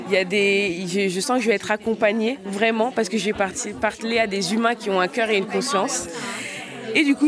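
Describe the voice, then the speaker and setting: A nineteen-year-old woman from Paris, a fashion student, answering an interview with many hesitations and restarts. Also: medium pitch. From Paris, France.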